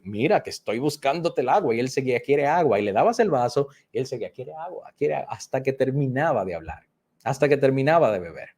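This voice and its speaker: A man teaches in a patient, explanatory way, returning to key terms and now and then mimicking a child's phrases to make a point. His voice is mellow and relaxed, pitched in an ordinary middle range. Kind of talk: explanatory lesson to viewers.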